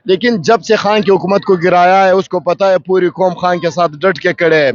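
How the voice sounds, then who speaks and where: A party worker at a rally giving a fervent, rousing political speech to a reporter. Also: male voice, high-pitched, fairly even intonation, dry recording. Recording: dull lo-fi field recording.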